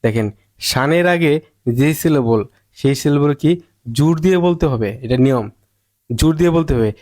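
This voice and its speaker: A man with a Bengali accent teaching English pronunciation, drawing out and repeating each word slowly. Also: fairly high pitch, a little mellow. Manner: slow, drawn-out repetition of words to model pronunciation. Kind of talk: spoken pronunciation lesson.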